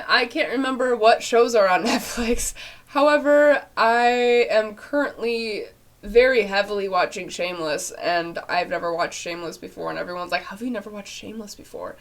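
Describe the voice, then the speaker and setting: A young woman, her mid-range voice nasal and congested following an illness, answers viewer questions in a casual vlog from a small bedroom at home. She chats and rambles on camera, with frequent fillers and laughter.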